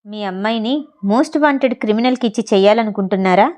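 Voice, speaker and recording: A woman's voice: mid-range voice, fast talker, darkish tone, natural voice. Stern police officer, accusing, firm, voiced by a woman, audio story. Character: stern male police sub-inspector.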